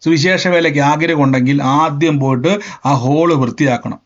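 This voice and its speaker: A man preaching a sermon, emphatic and repetitive, often rising in pitch and force. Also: steady tone, brisk, dull audio. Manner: emphatic, repeats phrases, rises in pitch and volume. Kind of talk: Pentecostal sermon.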